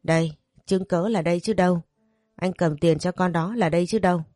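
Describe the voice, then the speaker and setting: A furious, jealous young wife, as a woman reads her in a storybook tale, accusing and hysterical. The voice sits low and mellow, recorded dry and close. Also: a little fast, no room sound, lightly acted.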